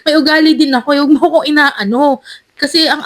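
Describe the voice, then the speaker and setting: High-voiced, animated woman telling a story. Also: fast talker. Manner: animated, lively storyteller who acts out quotes. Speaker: podcast co-host. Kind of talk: casual storytelling chat.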